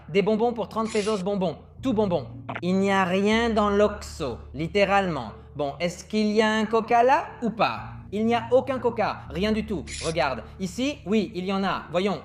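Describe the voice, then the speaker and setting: A man's voice: high-pitched, moderate pace, soft background music. A man playing a horror video game with his father, giving bossy, joking directions in a let's-play. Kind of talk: excited let's play chatter.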